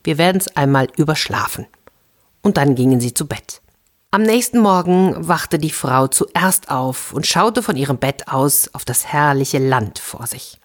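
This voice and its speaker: Low-voiced lady reading a kids fairy tale, lively, expressive. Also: measured pace. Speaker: storyteller. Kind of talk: fairy tale read-aloud for children.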